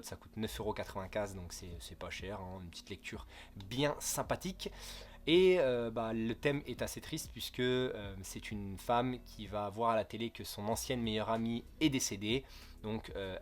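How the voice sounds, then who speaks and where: Young male vlogger from France, casual rambling manga review with crude jokes, faint background music. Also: on the low side. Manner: rambling, joking, self-correcting, crude slang. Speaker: manga youtuber.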